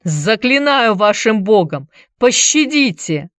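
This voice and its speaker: A woman's voice: on the low side, a little slow, dry recording, studio quality, natural voice. A woman voicing a cringing old male Greek trickster who whines, fawns and begs for mercy. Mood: desperate. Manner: whining, pleading, fawning.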